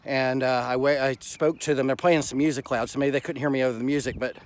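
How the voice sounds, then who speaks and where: A man's voice: medium pitch, fairly even intonation, quick pace. A middle-aged man chatting casually and bluntly to his phone camera while out walking, with salty everyday language. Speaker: vlogger. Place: outdoors on suburban sidewalks and park paths. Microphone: phone at arm's length, wired earphones worn. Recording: noisy outdoor phone recording with traffic.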